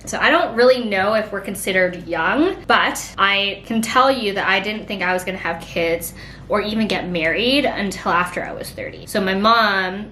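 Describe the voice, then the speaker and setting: A woman's voice: moderate pace, sharp tone. Chatty rambling woman in an echoey room. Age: late 20s. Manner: rambling, heavy use of "like". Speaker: vlogger. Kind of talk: casual pregnancy Q&A chat. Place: home. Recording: echoey room, faint rumble.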